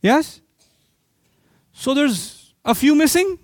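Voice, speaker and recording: High-voiced, impassioned male preacher. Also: sing-song, slow, dry recording, clean studio sound. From Pakistan. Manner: impassioned, asks the audience rhetorical questions. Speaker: Islamic preacher. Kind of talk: sermon lecture to an audience.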